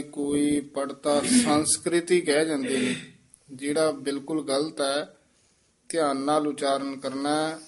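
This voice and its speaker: A man teaching scripture recitation, correcting pronunciation and pauses, then reciting lines slowly as an example. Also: a little high. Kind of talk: pronunciation lesson.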